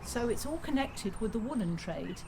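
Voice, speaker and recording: Chatty, agreeable woman over clear background noise. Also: on the high side, lively intonation, normal speed. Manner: keen, agreeable, often echoing and repeating her affirmations. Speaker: town crier, interview guest. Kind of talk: casual interview chat.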